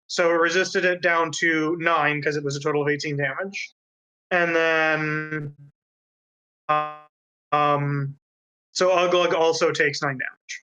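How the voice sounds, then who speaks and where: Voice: medium pitch, pushed and bright, clean tone. A player in a tabletop game over an online call, talking through a breaking-up stream that makes the voice glitch and sound robotic, hesitating and restarting while working out damage. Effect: glitchy, robotic voice from a dropping online call stream. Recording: dull lo-fi online call audio.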